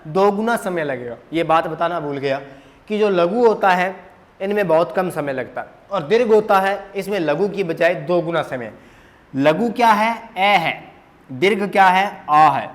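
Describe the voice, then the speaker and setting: A man teaching a grammar lesson at a whiteboard, asking questions and answering them himself, repeating the key terms. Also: a little high.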